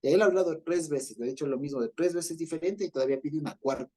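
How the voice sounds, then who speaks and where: Man, Bible study teacher, online class, video call audio, mellow tone, checks in often, chuckles. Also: a little high, quick pace, husky. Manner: explanatory, often checks in with listeners.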